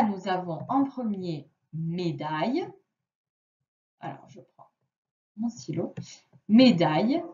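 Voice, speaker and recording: A woman teaching a child a reading and spelling lesson, speaking slowly and drawing out each word to dictate. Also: mid-range voice, a little mellow. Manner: slow, careful, drawing out words to dictate. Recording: echoey room, distant mic, dull sound.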